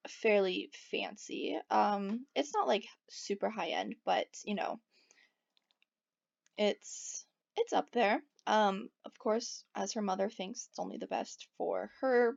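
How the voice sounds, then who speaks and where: A woman talks her way through a life-sim game in a loose, rambling style, often stopping for asides to her viewers. Her voice sits a little high with a gravelly fry. The recording sounds dull and lo-fi. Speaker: let's play gamer. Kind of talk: casual gameplay commentary.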